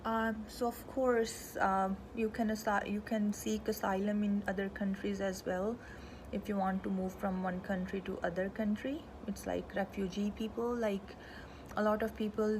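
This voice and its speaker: A woman's voice: mid-range voice, noisy background. A woman, born in Pakistan and raised in Canada, explaining human rights in an informal talk, going through them one at a time. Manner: conversational, walks through items one by one.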